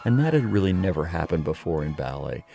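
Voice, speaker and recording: A man's voice: low-pitched, sing-song, fast, gravelly, dark tone. A man talking reflectively as an interview guest, a choreographer explaining things with emphatic wording. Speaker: ballet artistic director and choreographer, interview guest.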